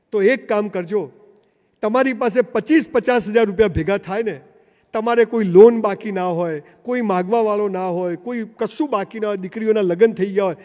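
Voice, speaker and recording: Man, motivational speaker, high voice, storytelling, long hall reverb. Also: a little mellow. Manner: storytelling with acted dialogue, rising to emphatic calls. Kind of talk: motivational speech to a live audience. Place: large hall, before a seated audience.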